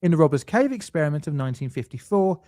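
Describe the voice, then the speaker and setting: A man narrates a scripted explainer in a measured, faintly dry manner. His voice sits a little high for a man, and the recording is close and dry with no room sound. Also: very animated, mellow, no room sound. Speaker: documentary narrator.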